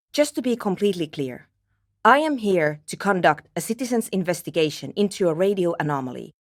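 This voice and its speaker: An actress voices a brusque, nerdy young woman programmer researching a radio anomaly in video game dialogue. Her manner is dry, matter-of-fact and sardonic. The medium-pitched voice is a bit bright, and the recording is dry.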